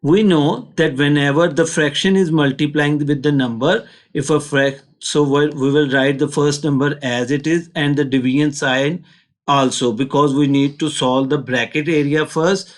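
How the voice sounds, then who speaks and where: A male teacher with a Pakistani accent and a slightly high voice. He explains step by step in a patient, instructional way, as in a school maths lesson. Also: steady tone, moderate pace.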